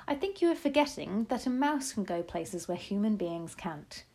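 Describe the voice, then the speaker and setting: A woman's voice: medium pitch, very animated, moderate pace, darkish tone. A woman voicing a clever young boy who has been turned into a mouse, earnest and eager.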